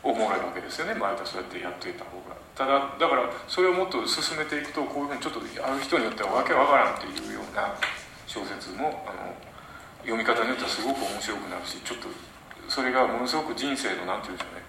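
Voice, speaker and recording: A man with a broad Osaka accent talks to a live audience in a novelist's lecture, rattling along fast with lots of fillers and questions thrown to the room. His voice is bright and sharp-edged with a lively, swinging pitch. He is picked up from a distance in a very reverberant room with a faint hum of ambience behind him. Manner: chatty and animated, many fillers, quizzes the audience. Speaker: novelist giving a talk. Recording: echoey room, mic at a distance.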